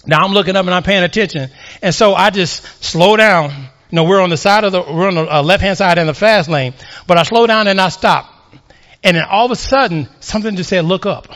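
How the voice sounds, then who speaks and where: Guy preaching a sermon, high voice, gets loud and fervent telling his story. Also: fairly quick. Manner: fervent preaching that builds in volume. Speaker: pastor. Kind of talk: sermon with personal testimony.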